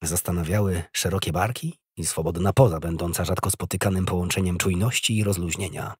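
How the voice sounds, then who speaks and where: A man narrating an audiobook in a measured, expressive reading. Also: low-pitched, breathy edge, no room sound, studio quality. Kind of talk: scripted narration.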